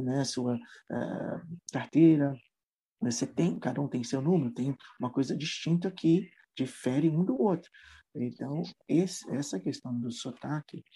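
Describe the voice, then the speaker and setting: Husky, mellow-voiced man explaining. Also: medium pitch. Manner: thoughtful, explaining at length with frequent tag questions. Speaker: English teacher. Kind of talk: interview conversation.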